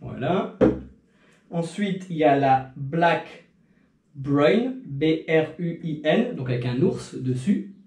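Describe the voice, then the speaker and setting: A man's voice: a little high, lively intonation, slow, a little mellow. A young man chatting casually to camera in a tasting vlog, rambling with fillers and restarts. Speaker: video creator. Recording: echoey room.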